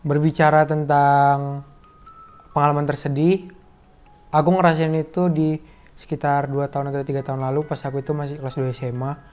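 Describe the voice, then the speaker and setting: A man of about twenty rambles casually to camera, leaning on fillers. His voice is smooth and resonant and a bit high for a man. The recording sounds slightly dull and muffled. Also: level tone, brisk, long pauses, darkish tone, soft background music. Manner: rambling, heavy use of fillers.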